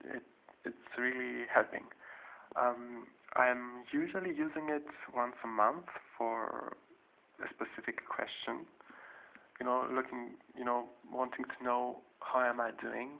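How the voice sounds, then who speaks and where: A video tutorial maker gives a casual how-to explanation, speaking slowly and haltingly with many fillers and restarts. His mid-range, gravelly voice has little pitch movement. A handheld camera mic makes the audio tinny and lo-fi, with faint hiss.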